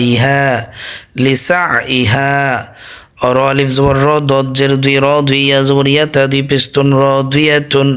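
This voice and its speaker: A man's voice: medium pitch, a bit bright, smooth. A man teaching Quran reading who spells out the Arabic letters and vowel marks one syllable at a time, patiently repeating each sound.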